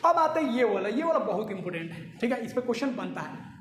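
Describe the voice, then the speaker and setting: A man's voice: high-pitched, big pitch swings, fast, a little hiss or hum. Male teacher with a lilt. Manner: explanatory, keeps checking in with listeners. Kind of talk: recorded lecture. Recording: echoey hall with long reverb.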